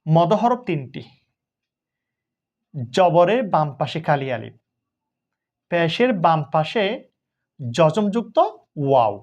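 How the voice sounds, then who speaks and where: Slow, patient male Quran teacher. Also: fairly high pitch, darkish tone, highs cut off. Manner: patient, repeats each example sound slowly. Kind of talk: step-by-step recitation lesson.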